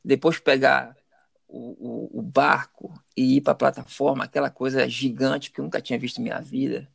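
A man's voice: mid-range voice, level tone, normal speed, gravelly, slightly rough, dry recording. A middle-aged man from Salvador, telling stories as an interview guest, hesitant and full of repeated words. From Salvador, Bahia, Brazil. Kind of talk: casual conversational interview.

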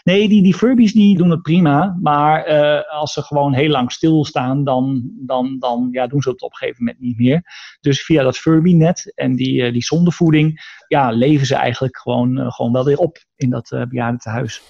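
A man's voice: medium pitch, fairly even intonation, moderate pace, gravelly, a little mellow, muffled recording. A man being interviewed about social robots, speaking thoughtfully and hesitantly with many fillers and restarts. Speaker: guest, artist and robot researcher. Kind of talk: conversational interview.

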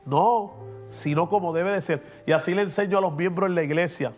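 Pastor for a preaching podcast, high voice, emphatic, faint music underneath. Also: male voice, fairly quick, a little mellow. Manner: emphatic and preachy, drops English words in. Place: podcast studio.

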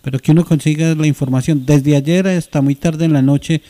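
A man's voice: a little high, fairly even intonation, fairly quick, mellow. A man, a sports radio reporter talking earnestly and emphatically.

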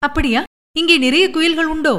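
A woman's voice: high voice, steady tone, brisk, sharp tone, in a large hall, voice pushed up. Woman doing a gushing young would-be actress. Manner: sweet, apologetic and gushing. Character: young woman hoping to become a film actress.

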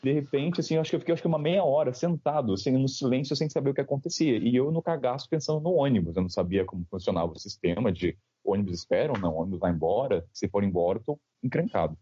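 A young Brazilian man tells his story at a rapid clip, slangy and animated, acting out the other people's lines. His voice is husky and mellow, heard up close in a dry, slightly dull recording. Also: medium pitch, no room sound. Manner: slangy, animated, with quoted dialogue. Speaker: podcast guest. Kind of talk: casual storytelling.

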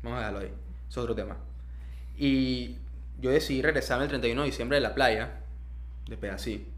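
A young Panamanian man speaks at a quick clip in an ordinary mid-pitched voice. He tells personal stories casually, as an interview guest would, dropping slang and English words into his talk.

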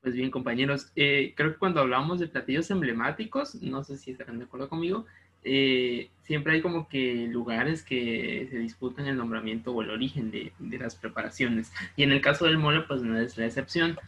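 A man's voice: medium pitch, normal speed, sharp tone, dull audio, slight background noise. A Mexican man giving a talk, with frequent fillers and restarts. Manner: hesitant, many fillers and restarts. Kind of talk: presentation.

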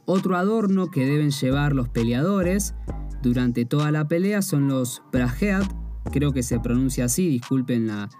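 Speaking in a medium-pitched voice with an Argentine Spanish accent, a young man from Argentina calmly presents a martial art. He is measured, restating points and clarifying terms with "o sea" asides while faint guitar music plays behind him.

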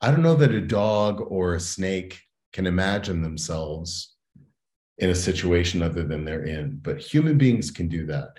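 A man's voice: deep voice, animated, normal speed, a little mellow. A man talking as an educator and consultant in an interview, earnest and reflective, often checking in with "right?". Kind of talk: interview conversation.

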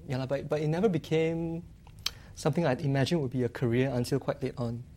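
A man with a Singaporean accent, a guest cartoonist answering interview questions in a relaxed, easygoing way. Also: medium pitch, quick pace, slight background noise. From Malaysia. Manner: relaxed, often trailing off with "lah". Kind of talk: casual interview chat.

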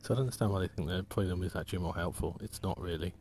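Brief: low-pitched man, relaxed vlog chatter, halting and rambling, trails off mid-thought. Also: husky. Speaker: walking vlogger and artist. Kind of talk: casual rambling monologue.

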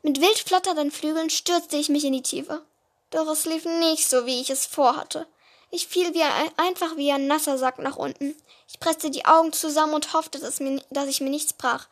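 A woman reading her own story aloud, halting and often restarting words. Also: sits high, fairly even intonation. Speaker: storyteller of a podcast-style series.

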